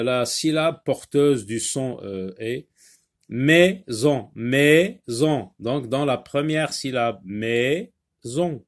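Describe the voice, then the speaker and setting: A man teaching a phonics lesson, spelling out letters and sounds slowly, with many filler pauses. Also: medium pitch, vocal fry, a little mellow.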